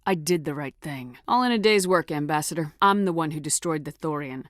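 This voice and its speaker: Resolute, low-pitched female space commander, Shepard. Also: animated, brisk, no room sound, clean studio sound. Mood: unapologetic. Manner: direct, authoritative, controlled delivery. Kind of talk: video game dialogue acting.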